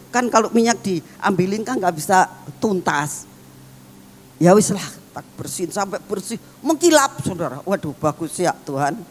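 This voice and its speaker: A woman pastor, preaching a sermon as emotive storytelling that swings between excited and hushed. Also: mid-range voice, slight background noise. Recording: long hall reverb with faint music.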